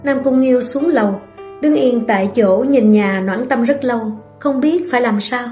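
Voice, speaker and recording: A woman giving scripted novel narration as an audiobook narrator, in an even storytelling way. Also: a little high, moderate pace, soft background music.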